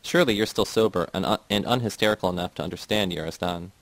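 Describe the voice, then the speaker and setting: A man's voice: low voice, quick pace, no room sound, low-quality recording. A man reading a cold, doctrinaire party man who lectures. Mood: lecturing.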